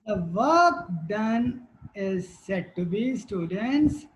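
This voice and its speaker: A woman's voice: mid-range voice, animated, drawn-out words, poor audio. A woman teacher giving a classroom lecture, quizzing students and repeating their answers.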